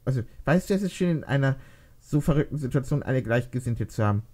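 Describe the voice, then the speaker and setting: A man voicing a thoughtful, caring pregnant teenage girl in a read-aloud fan fiction story, with a gentle, hesitant delivery. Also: medium pitch, expressive, fast, voice pushed up, natural voice. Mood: gentle, kind.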